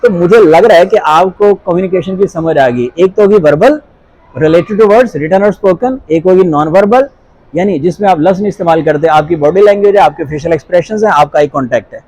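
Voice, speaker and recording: A man with a fairly high but mellow, dark-toned voice gives a spoken English grammar lesson. He talks with a Punjabi-influenced Urdu accent and mixes in English phrases. He keeps asking his students rhetorical questions as he explains. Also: fairly quick, low-quality recording. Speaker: English teacher.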